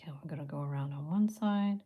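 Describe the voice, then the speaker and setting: Speaking fast in a low voice, this Canadian woman chats through a live craft demo, thinking out loud as she goes. When her hands need focus, she sinks into a soft murmur or whisper. The recording sounds muffled.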